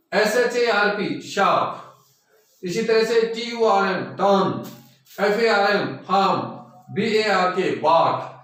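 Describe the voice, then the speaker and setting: A high-pitched man teaching a pronunciation lesson, spelling out each word and asking the listener to repeat it. His voice rings with heavy echo, and he sounds some distance from the mic. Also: a bit bright. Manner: spells words letter by letter, repeats them, quizzes the listener. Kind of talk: classroom-style lesson. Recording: very echoey room, voice far from the mic.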